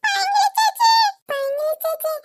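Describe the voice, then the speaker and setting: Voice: extremely high pitch, fairly even intonation, creaky, fairly bright tone, soft background music, heavily acted. A performer voicing a stubborn, teasing little boy in a cartoon who drags out his words. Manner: whiny, slow, cheeky.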